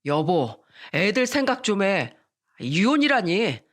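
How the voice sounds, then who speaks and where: A woman's voice: mid-range voice, sing-song, slow pace. Woman reading a whiny deadbeat husband in a story radio, always making excuses. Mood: pleading. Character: feckless pleading adult husband, defensive.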